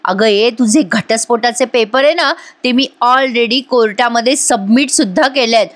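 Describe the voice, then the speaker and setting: A woman's voice: fairly high pitch, measured pace, lightly acted. A woman voicing a scheming, jealous young woman who snaps and taunts her rival, in a dramatized recap of a TV serial. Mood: taunting.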